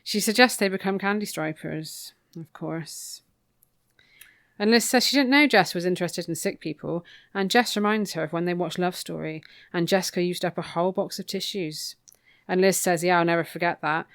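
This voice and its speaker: On a podcast she co-hosts, a woman casually talks through a book recap, adding wry, opinionated remarks. She speaks at a moderate pace in a lowish voice, recorded in clean studio sound without echo.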